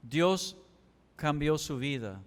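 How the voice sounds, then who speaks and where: High-voiced pastor preaching in an echoey hall. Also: male voice, animated, slow pace. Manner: emphatic, repetitive preaching cadence. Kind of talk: sermon. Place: church chapel.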